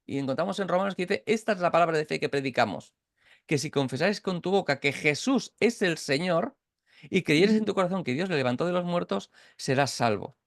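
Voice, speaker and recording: A man's voice: on the high side, expressive, fairly quick, vocal fry, no room sound, clean studio sound. Spanish man teaching a Bible class. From Catalonia. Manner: explanatory, many restarts and checking questions. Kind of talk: informal online Bible class. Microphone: video call.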